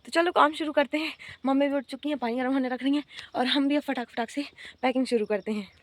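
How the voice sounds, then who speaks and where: In a casual daily vlog shot on a handheld phone outdoors, at home and beside a road, a young woman talks fast in a high, steady voice. She's playful and laughs a lot.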